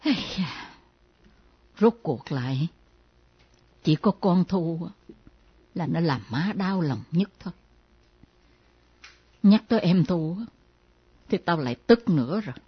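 A woman voicing an aging widowed mother who speaks slowly and complains, haunted by dreams of her late husband. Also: animated, slightly rough. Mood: aggrieved. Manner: slow, low, complaining. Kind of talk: radio drama acting. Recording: dull lo-fi recording.

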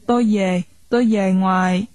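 A woman voicing a spoiled, rude little boy in a storybook reading, speaking in quick, whiny complaints. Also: medium pitch, fairly even intonation, a little mellow, no room sound, natural voice. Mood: petulant.

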